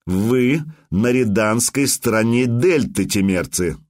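A man voicing a shrewd customs officer who speaks slowly and deliberately with a mocking edge. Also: medium pitch, very animated, slightly rough. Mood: sly. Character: shrewd male customs officer, sly and unhurried.

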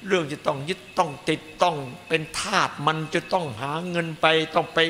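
A man's voice: a little high, steady tone, a little fast, pushed and bright. A man, a Buddhist monk teacher, giving a dharma talk and stressing points by piling up repeated phrases. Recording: echoey hall, faint noise.

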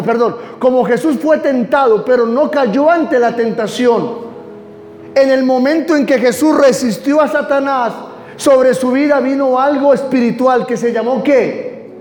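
High-voiced preacher in an echoey hall. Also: male voice, a little mellow. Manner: emphatic, reads scripture aloud and quizzes the congregation. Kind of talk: sermon.

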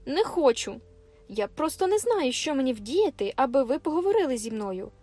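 A woman's voice: high voice, big pitch swings, normal speed, a little mellow. A woman voicing a proud, tearful young woman. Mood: insistent. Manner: insistent and emotional, near tears. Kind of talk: audiobook character voice. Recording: faint music behind the reading.

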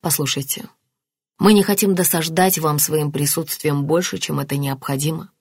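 A woman reading an audiobook, voicing a calm, composed woman detective who speaks in a measured, official manner. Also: low-pitched, slightly rough, no echo, clean studio sound.

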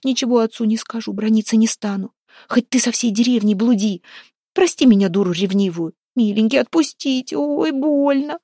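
A woman's voice: a little high, normal speed, dark tone, no echo, clean studio sound, pitched above the performer's own voice. A woman voicing a frightened young village wife who wails and begs for mercy. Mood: pleading. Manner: wailing, begging.

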